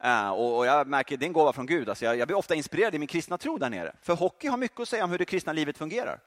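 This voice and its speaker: A male preacher giving a lively sermon, joking and speaking directly to the congregation. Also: high-pitched. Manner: animated, joking, addresses audience directly.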